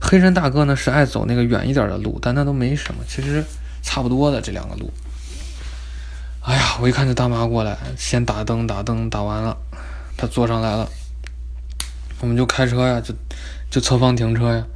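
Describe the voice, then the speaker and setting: A young man telling a story in an animated, comic, chatty way. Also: medium pitch, a little fast, gravelly, pauses often. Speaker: vlogger. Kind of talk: casual storytelling.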